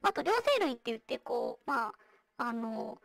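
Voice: sing-song, normal speed, gravelly, fairly bright tone, no room sound, recorded from a distance. A presenter with a girlish feminine voice electronically processed through a voice changer, explaining survey results in a conversational way. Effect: voice changer, processed into a high feminine voice. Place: online virtual-reality venue.

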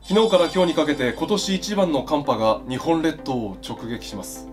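A man's voice: a little high, normal speed, soft background music, lightly acted. A young man playing an earnest, courteous news anchor in a parody bulletin. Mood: formal, composed. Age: young adult.

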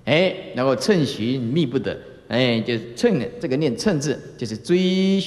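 A man giving a Buddhist sermon as a dharma master, full of filler sounds and acted-out calls. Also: moderate pace. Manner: animated, acts out examples with sudden high calls; frequent filler particles like "ah" and "eh". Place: lecture hall. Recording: roomy lecture hall reverb.

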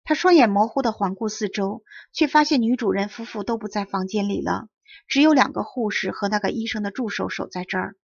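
A woman teacher narrating a children's audiobook in a steady, expressive storytelling manner. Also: medium pitch, a little fast, gravelly, breathy edge, dry recording. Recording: dull lo-fi audiobook recording.

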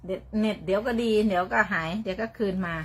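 A woman's voice: mid-range voice, fast, a little hiss or hum. Chatty older Isan grandmother livestreaming. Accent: Northeastern Thai (Isan). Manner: chatty, rambling, laughs often, repeats words. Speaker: livestream host. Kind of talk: casual livestream chat.

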